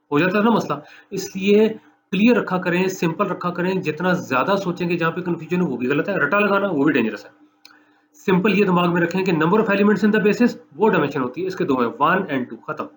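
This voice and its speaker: A man lectures on mathematics, patiently repeating steps and dictating for students to write down. His voice sits a little high for a man, with a faint hiss of noise behind him. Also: animated. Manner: explanatory, repeats steps, dictates slowly for note-taking. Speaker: math lecturer. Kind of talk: recorded math lecture.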